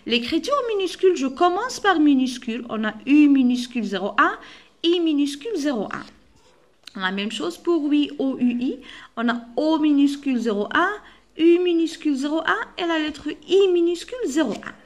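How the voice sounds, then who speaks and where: Woman teacher, fairly high voice, patient, spells out letters for young pupils. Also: expressive, normal speed. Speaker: primary school teacher. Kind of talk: recorded classroom lesson.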